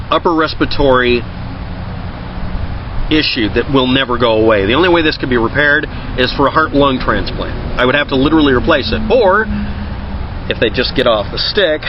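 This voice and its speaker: A man in his fifties with a smoker's rasp, talking in a casual, wry, rambling way to his camera. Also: medium pitch. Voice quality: raspy, like a smoker's cough. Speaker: vlogger. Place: outdoors by a fence and shrubs. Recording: muffled webcam audio with outdoor noise.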